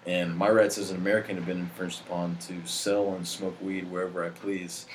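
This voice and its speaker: A man co-hosting a casual comedy podcast, deadpan and halting, with many fillers and restarts. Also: deep voice, slight background noise. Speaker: podcast co-host.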